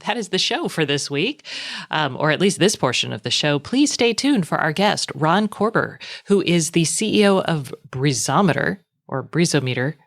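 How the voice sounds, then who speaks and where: A woman's voice: on the low side, lively intonation, moderate pace. A woman hosting a tech podcast, chatting casually and introducing guests and sponsors. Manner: chatty, self-deprecating, conversational. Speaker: podcast host. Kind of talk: casual chat and show hosting.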